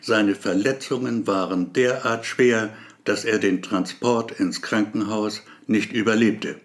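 A man voicing a gruff, blunt male police officer who barks orders. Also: on the low side, steady tone, measured pace, lightly acted. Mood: stern.

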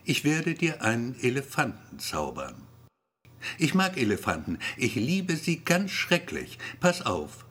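A man with a husky voice voicing a cheeky young fairy girl dressed as a clown, bold and sassy. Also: mid-range voice, wildly swooping pitch, a little slow, a bit bright, full character voice. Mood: playful. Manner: bold, sassy, swears when frustrated.

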